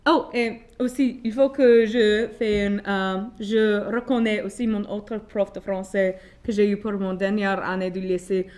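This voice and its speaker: A woman's voice: mid-range voice, fairly even intonation, measured pace, hardly any pauses, darkish tone. A woman in her twenties from Louisiana, speaking casually as an interview guest with a Cajun Louisiana French accent and frequent hesitations. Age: 20s. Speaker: interview guest, French studies graduate student.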